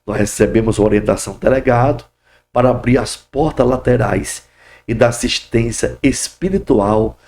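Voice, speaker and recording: A man's voice: mid-range voice, normal speed, a little mellow. A middle-aged man, a pastor telling his testimony in a podcast interview, fervent and full of exclamations of praise. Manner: fervent, bursts of "glória" and "aleluia".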